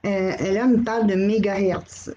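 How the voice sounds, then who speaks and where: A middle-aged woman with a Québécois accent, hosting a live channeling stream, gently relaying messages and greeting viewers by name. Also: mid-range voice, fairly even intonation, normal speed, muffled recording, a little hiss or hum. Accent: Québécois French. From Quebec.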